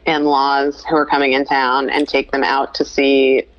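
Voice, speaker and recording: A woman co-hosting a podcast in casual chat, talking over a headset from a remote call, animated and full of "like". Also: a bass voice, moderate pace, muffled recording. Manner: chatty, animated, lots of "like". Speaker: podcast co-host.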